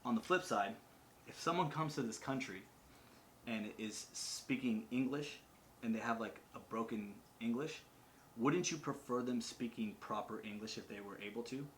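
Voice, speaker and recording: A man's voice: medium pitch, normal speed, fairly bright tone, a little hiss or hum. Rambling, swearing male podcast host. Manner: rambling, profane, full of "like". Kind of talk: casual chat.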